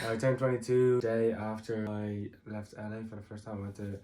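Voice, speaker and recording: A man's voice: on the low side, completely flat delivery, moderate pace, a crowd in the background. A 22-year-old Irish man in casual chat, dry and joking in a laid-back way. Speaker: boyfriend guest.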